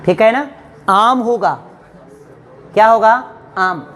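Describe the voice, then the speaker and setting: A woman's voice: fairly high pitch, takes it slowly. A woman teacher giving a grammar lesson to exam students, asking questions and answering them herself. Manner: addresses students fondly as children.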